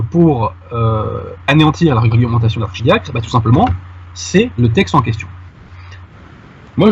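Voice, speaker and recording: A man's voice: mid-range voice, highs cut off, a little hiss or hum. A man making a detailed argument in conversation with a host, addressing him familiarly. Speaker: guest commentator. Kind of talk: conversational argument on a radio-style show.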